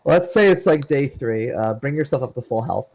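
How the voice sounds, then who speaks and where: A man narrating as game master of a tabletop game, hesitant and full of pauses. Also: medium pitch, expressive, gravelly, a little mellow, rough recording. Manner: hesitant, lots of uh and restarts.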